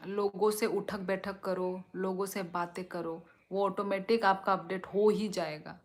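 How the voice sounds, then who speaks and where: Slow-talking young woman live streaming. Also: mid-range voice, fairly even intonation. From Tripura, northeast India. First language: Kokborok. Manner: slow, unhurried talk, reads comments aloud and answers them. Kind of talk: casual live-stream chat reading viewer comments.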